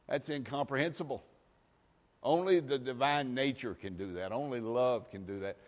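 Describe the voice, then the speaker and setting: A man's voice: medium pitch, moderate pace. Emphatic male preacher in a reverberant hall. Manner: emphatic, swings between hushed and loud, repeats phrases; jokes with the congregation. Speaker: pastor. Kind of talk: sermon.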